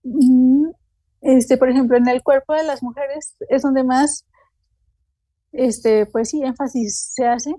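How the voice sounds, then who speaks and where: With a high-pitched yet dark voice and fairly even intonation, a woman with a Mexican Spanish accent presents a loosely read academic talk at a seminar. The recording is dry, and her speech is halting and full of "eh" and "este."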